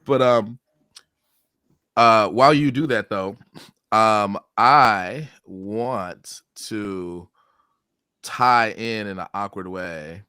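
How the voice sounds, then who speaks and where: A young man with a low, deep voice hosts a relaxed talk on a video call, reading news headlines aloud between loose, hesitant remarks. He talks with lots of fillers and restarts. The sound is dry and close, with no room echo. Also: very slow, long pauses, clear, resonant tone. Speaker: podcast host. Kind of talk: casual current-events discussion, reading headlines aloud.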